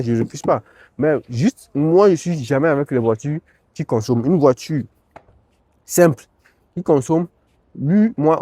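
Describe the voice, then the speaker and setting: Filming on a handheld phone, a man walks an outdoor used car auction lot, chatting and rambling with tags and asides. His voice is medium-pitched with a darkish tone.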